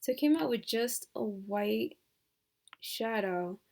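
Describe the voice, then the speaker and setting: A woman giving a casual software tutorial, thinking aloud with hesitant fillers and dropping to soft mutters as she works. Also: on the high side, expressive, takes it slowly. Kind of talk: screen-recorded tutorial.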